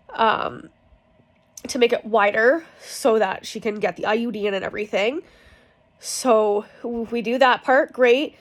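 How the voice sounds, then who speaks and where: A young woman telling a personal story in a casual, rambling way, frank and full of fillers and swearing. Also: fairly high pitch. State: in pain from cramps. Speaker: vlogger.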